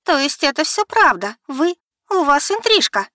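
A woman reading an audiobook and voicing a distraught young woman who pleads and shouts at her sister, near hysterical. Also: high voice, very animated, moderate pace, dry recording, studio quality, pitched above the performer's own voice, full character voice. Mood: furious.

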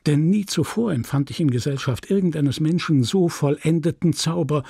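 A man doing a soft-spoken pleading seducer. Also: a little high, moderate pace, creaky, slightly rough, no echo, clean studio sound. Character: smooth-talking male seducer, a country gentleman. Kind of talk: audiobook reading.

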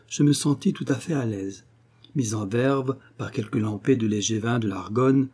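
Mellow-voiced man reading a story. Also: mid-range voice, breathy edge. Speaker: audiobook reader. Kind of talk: scripted narration.

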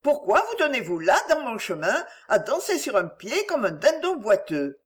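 An audiobook reader voicing an elegant lady with a soft, musical voice and ironic impatience. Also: mid-range voice, very animated, measured pace, pitched above the performer's own voice.

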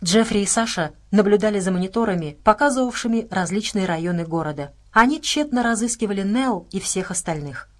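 A woman narrates an audiobook at a steady, measured pace. She leans on key words for drama. Her voice sits at a middle pitch for a woman. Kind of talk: scripted narration.

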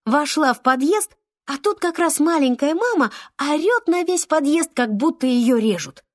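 A woman reads a children's story aloud with lively expression, stretching some phrases slowly. Her voice is fairly high, and the recording is close and dry. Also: no room sound. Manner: expressive, with slow drawn-out phrases. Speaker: reader.

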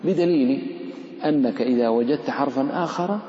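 Mellow-voiced sheikh in a reverberant hall. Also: male voice, mid-range voice, moderate pace. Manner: conversational, quizzes students and personifies letters. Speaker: sheikh teaching Quran recitation rules. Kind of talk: classroom explanation to students. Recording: dull reverberant hall recording.

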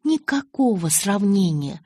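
Woman doing a shrill, furious teenage girl. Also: lively intonation, moderate pace, slightly rough, no room sound, clean studio sound. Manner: shrill, high and shouting.

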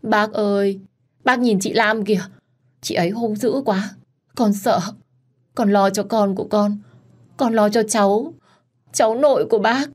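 A woman's voice: mid-range voice, normal speed, darkish tone, close to an everyday voice. A woman voicing a whiny, tearful young pregnant woman who accuses and pleads. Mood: whiny, accusing.

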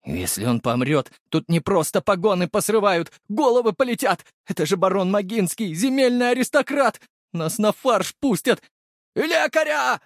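A man voicing a panicking male police officer who shouts frantically in an audiobook. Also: medium pitch, lively intonation, normal speed, few pauses, dry recording, studio quality, close to an everyday voice. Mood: panicked shouting.

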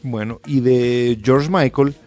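A male radio host in casual on-air chat, talking in quick restarts and animated asides. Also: mid-range voice, soft background music.

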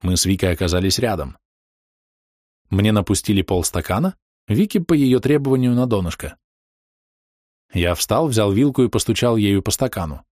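Expressive male audiobook narrator, low voice. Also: moderate pace, pauses often, no echo, clean studio sound. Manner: expressive, lively storytelling. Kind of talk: first-person audiobook narration.

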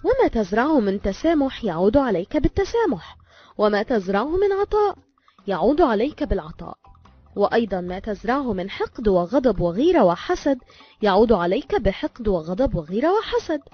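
A woman voicing a gentle, patient father who calmly explains a life lesson to his son in a told story. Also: fairly high pitch, fairly quick, breathy edge. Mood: teaching. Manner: calm, explaining. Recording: lo-fi with faint music.

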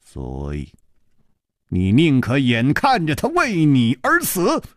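A man voicing a calm, worldly male swordsman hero who speaks slowly and sighs wryly. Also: no echo, clean studio sound. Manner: slow low-voiced sighing speech.

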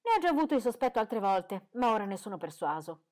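Lady reading a sarcastic dad in an audiobook, cool and dry, still kinda lively. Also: mid-range voice, fast, voice pushed up, natural voice. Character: dry, sarcastic middle-aged father.

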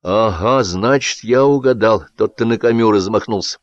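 A man's voice: lowish voice, moderate pace, dry recording, lo-fi sound, lightly acted. A man doing a grumpy, suspicious older official. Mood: irritable.

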